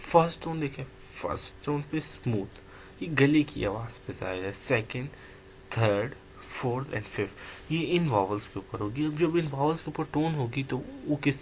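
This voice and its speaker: A man giving an online language lecture, explaining letters and sounds one by one in a slow, patient way. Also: mid-range voice, expressive, slight background noise. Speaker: language teacher.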